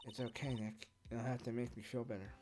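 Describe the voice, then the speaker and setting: A man's voice: mid-range voice, flat delivery, quick pace, lightly acted. A man voicing a self-pitying young woman spirit medium, over game music. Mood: dejected.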